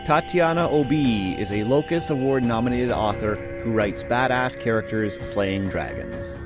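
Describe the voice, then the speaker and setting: A man with a medium-pitched, darkish voice hosts a podcast interview. He starts by reading a prepared introduction, then moves into loose conversation with pauses and fillers.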